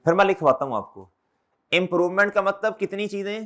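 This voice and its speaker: A man's voice: high-pitched, brisk, fairly bright tone. A man teaching an accountancy class, often repeating his questions back to the students and calling them brother and children. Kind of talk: classroom lecture.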